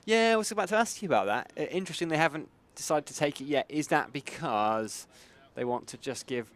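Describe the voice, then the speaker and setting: A man's voice: a little high, expressive, a little fast, fairly bright tone. A man giving conversational live cricket commentary, thinking aloud as he discusses play and tactics.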